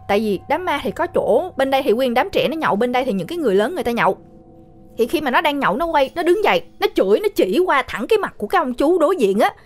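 A young woman, retelling a horror film in a chatty way, talking straight to her listeners. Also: sits high. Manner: chatty, addresses listeners directly. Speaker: storyteller recapping a horror film. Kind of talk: casual spoken retelling.

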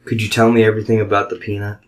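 A man's voice: fairly low pitch, flat delivery, very fast, close to an everyday voice. A man voicing an eager, easily dismayed seeker questioning God in a comedy podcast, informal and hesitant. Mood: curious, hesitant.

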